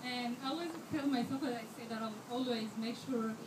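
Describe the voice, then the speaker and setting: Slightly high and a little fast, with a steady tone, this voice belongs to a scholarship student from Rwanda in her twenties. She gives an earnest fundraiser speech studded with fillers and restarts, her handheld mic too far away in an event hall full of echo and background noise.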